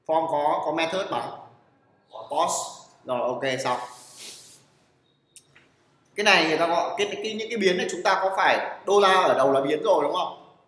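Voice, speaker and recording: A man's voice: a little high, lively intonation, moderate pace, pauses often, a bit bright. A man teaching a programming class, blunt and teasing, who keeps checking with his students and calls on them to answer. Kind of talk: classroom lecture. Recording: echoey room with long reverb.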